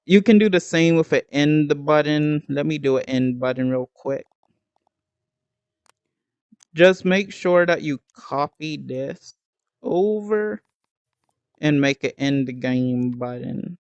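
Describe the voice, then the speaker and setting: A man giving a step-by-step game building tutorial in a slow, halting way, pausing often with ums and restarts, and hiccuping now and then. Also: a little high, a little mellow, clean tone, no echo, dull audio.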